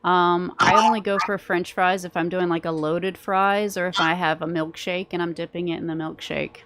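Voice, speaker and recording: A woman's voice: lowish voice, steady tone, moderate pace, a bit bright. A woman in her thirties hosting a casual chat, giggling and reading out viewer comments. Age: 30s. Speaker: vlog host.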